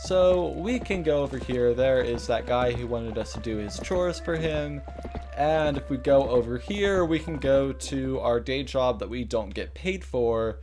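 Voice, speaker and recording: Lively intonation marks this man's mid-range voice as he hosts a let's play with music playing underneath. He rambles casually and pokes fun at himself while commenting on the game, halting when he has to read.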